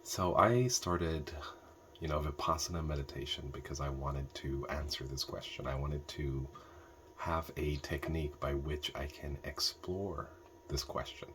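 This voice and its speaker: This Ethiopian meditation teacher speaks a little slowly in a bass voice that is fairly even in intonation and a bit bright. His reflective talk is hesitant, with many fillers and restarts, over a slight hiss or hum.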